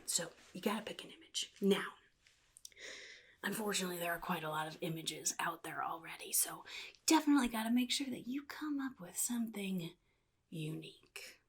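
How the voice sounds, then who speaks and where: Woman playing a whispery, husky Joker supervillain. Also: lowish voice, brisk. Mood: advising, wry. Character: the Joker, gleeful chaotic comic-book supervillain. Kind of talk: soft-spoken ASMR roleplay monologue.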